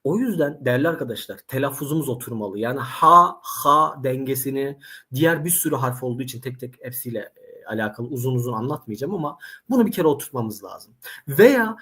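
A man's voice: mid-range voice, quick pace. A man who teaches Arabic, telling anecdotes animatedly in a casual interview and speaking straight to the viewers. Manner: animated storyteller, addresses audience directly.

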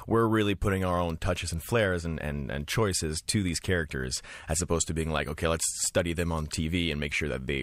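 A man's voice: deep voice, fairly bright tone, no echo. A young French Canadian man, a musical theatre actor, chatting energetically with many fillers as a radio studio guest.

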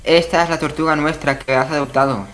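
A young man from with a cold, tossing quick jokey remarks while gaming with his brother. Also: fairly high pitch, fairly even intonation, a bit bright, soft background music. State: has a cold. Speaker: co-player, the host's brother. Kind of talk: casual gameplay chat.

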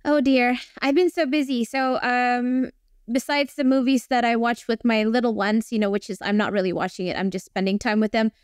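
A woman's voice: fairly high pitch, fairly even intonation, moderate pace, clear, resonant tone, no room sound, studio quality. A woman from Indonesia, in her forties, a guest professor talking over a video call with many ums. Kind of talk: casual interview.

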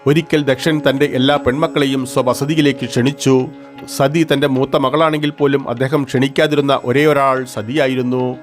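Male narrator, scripted storytelling, mid-range voice, faint music bed. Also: mid-range voice.

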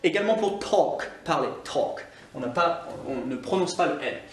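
Scottish male teacher, lesson in French, slightly high voice, roomy echo. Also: lively intonation, a little hiss or hum. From Scotland. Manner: explanatory, stresses example words slowly. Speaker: online English teacher. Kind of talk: French-language English grammar lesson. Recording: echoey room, somewhat far from mic.

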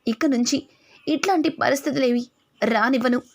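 A woman's voice: high-pitched, normal speed, creaky. A woman voicing a firm, reassuring older grandmother.

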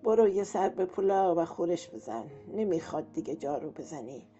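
A woman's voice: fairly low pitch, very animated. A woman voicing a pushy, scolding older aunt in a dull lo-fi audiobook with faint music. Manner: nagging, sharp-tongued.

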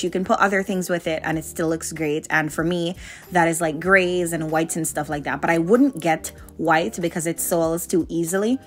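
A woman in her late twenties, originally from Jamaica, talks through her cleaning day in a relaxed, chatty voice-over. Her voice sits a little low, and soft music plays faintly underneath. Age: late 20s. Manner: chatty, candid, conversational. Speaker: vlogger. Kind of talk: casual voice-over narration.

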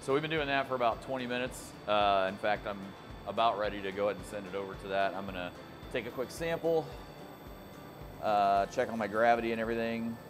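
A man's voice: lowish voice, a little fast. A man in his thirties, a brewery co-owner, talking casually and a bit hesitantly, with many fillers. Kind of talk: casual on-camera explanation. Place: brewery taproom and brewhouse. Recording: music playing behind.

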